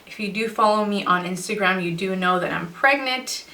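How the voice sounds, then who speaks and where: A young woman, slightly out of breath, giving a casual, conversational product review to camera with hesitant pauses. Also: mid-range voice, bright, forceful tone. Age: young adult. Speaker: vlogger reviewing clothing. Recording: roomy echo, distant microphone.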